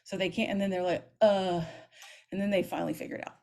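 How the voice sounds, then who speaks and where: A woman's voice: on the low side, very fast, creaky. Chatty woman band teacher explaining technique. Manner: lively, chatty, demonstrates as she talks. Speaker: middle school band director.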